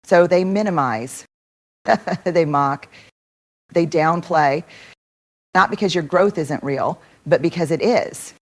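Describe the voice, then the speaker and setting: A woman delivers a motivational speech in a low voice. She speaks slowly and deliberately, stressing each phrase and building her points through rhythmic repetition. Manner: measured, emphatic delivery with rhetorical repetition.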